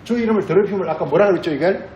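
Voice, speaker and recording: A man's voice: sits high, racing, a little mellow, echoey room, highs cut off, a little hiss or hum. A male pastor giving a sermon, repeating phrases and asking the congregation questions. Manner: repetitive, asks the congregation questions.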